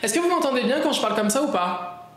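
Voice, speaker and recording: A man's voice: very high voice, animated, fast talker, fairly bright tone. A man streaming live, chatting casually and joking back at his viewers' comments as he sorts through things. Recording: roomy echo, faint background noise.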